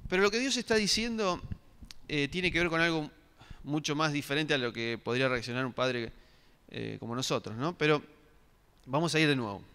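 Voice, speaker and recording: A middle-aged pastor with a higher-than-average voice gives an interactive sermon in a church hall, putting questions to the congregation and often restarting his sentences. His delivery is bright, forceful and clean at a moderate pace, and the recording carries the hall's long reverb.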